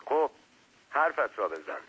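A man's voice: mid-range voice, very animated, fairly bright tone, husky, pitched above the performer's own voice, full character voice, rough recording. A man voicing an irritated master who speaks in short, curt questions. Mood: impatient. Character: impatient grown man, the master.

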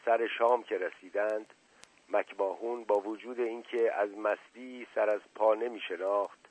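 Low-voiced man reading a novel. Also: rough recording. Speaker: radio story reader.

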